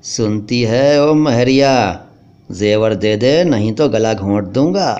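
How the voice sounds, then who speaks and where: A man voicing rough, threatening village robbers who mock and bully, in a dull lo-fi recording. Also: mid-range voice, expressive, slow pace, darkish tone. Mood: menacing. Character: menacing coarse male robbers.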